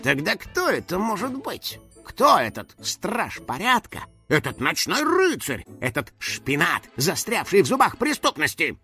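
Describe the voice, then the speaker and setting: A man's voice: sits high, huge pitch swings, unhurried, few pauses, pushed and bright, faint music behind, voice pushed up, heavily acted. A man voicing a boastful, bossy little male house-spirit detective who takes himself very seriously. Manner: grandly self-important, bossy exclamations.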